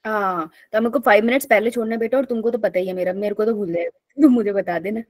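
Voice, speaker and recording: A woman's voice: mid-range voice, quick pace, no room sound. A young woman teaching a live online biology class in a casual, chatty way, telling stories and often laughing.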